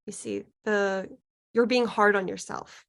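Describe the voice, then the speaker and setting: A woman guiding a client through an unscripted healing session as a mystical healer, speaking in a halting, searching way with thoughtful pauses. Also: mid-range voice, steady tone. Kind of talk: unscripted guided healing session, musing aloud.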